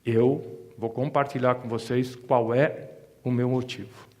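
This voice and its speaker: His voice sits in the mid-range with a darkish tone, fairly even intonation, and a slightly slow pace. He's a middle-aged insurance advisor speaking in São Paulo's Italian-tinged Mooca accent, telling an audience a personal family story with jokes mixed in, from Brazil.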